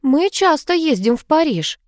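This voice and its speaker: A chirpy, fussy wealthy woman, as a woman narrator puts her on in an audiobook. She twitters along in a high voice with wide swings in pitch. The recording is dry. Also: sing-song, moderate pace, darkish tone, no echo.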